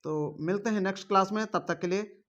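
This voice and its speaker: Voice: medium pitch, brisk, a bit bright. Teacher with dull lo-fi sound. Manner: quizzes with rhetorical questions, frequent "theek hai" check-ins; mixes English grammar terms into the explanation. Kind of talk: online grammar class.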